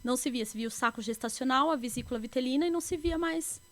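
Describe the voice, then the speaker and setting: High-voiced woman telling her story. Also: fast, no room sound. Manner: emotional, animated retelling with quoted dialogue. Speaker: podcast guest. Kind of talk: casual interview storytelling.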